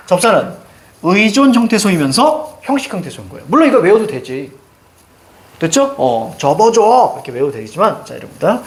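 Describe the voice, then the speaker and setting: A man's voice: high voice, roomy sound. A middle-aged man from Seoul teaching grammar in a classroom, chatty and teasing with his students. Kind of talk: classroom lecture.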